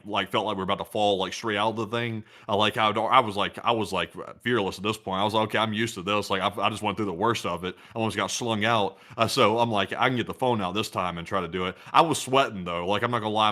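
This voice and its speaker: A man's voice: fairly low pitch, pushed and bright. A man co-hosting a live stream, chatting casually in a jokey, rambling way. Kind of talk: casual livestream chat.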